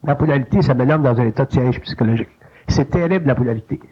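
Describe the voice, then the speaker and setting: A man with a Quebec French accent giving informal spiritual teaching, colloquial and animated, jumping up in pitch to mimic an inner voice. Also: fast, husky. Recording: lo-fi digitized cassette tape.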